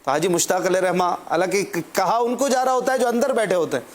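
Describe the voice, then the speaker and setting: A man leads a respectful religious interview, his voice sitting a little high. He asks gentle, probing questions and keeps the guest going with short affirmations. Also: fast talker.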